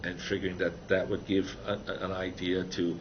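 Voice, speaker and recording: An older man who wrote a book on computer animation is interviewed about it, speaking casually with lots of restarts and fillers. His voice sits low and monotone, a little fast, on a dull, slightly noisy recording.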